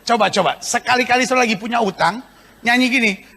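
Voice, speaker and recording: A male pastor delivering a sermon, mixing joking asides with fervent shouted points. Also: extremely high pitch, quick pace, a little hiss or hum.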